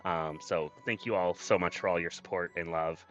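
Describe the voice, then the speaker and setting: Man, low pitch, casual livestream chat, effusive, slightly dull audio with music behind. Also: steady tone, normal speed, fairly bright tone. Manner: effusive, grateful, often thanking viewers. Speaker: streamer and VTuber. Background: background music.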